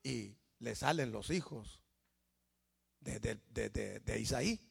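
A man preaching a lively sermon with a gravelly voice, swinging between loud exclamations and hushed storytelling. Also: medium pitch, slow. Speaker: pastor.

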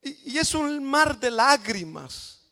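A man from El Salvador with a Salvadoran Spanish accent, preaching a sermon in a church with shouted, emphatic praise cries. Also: extremely high pitch, sing-song, slow pace.

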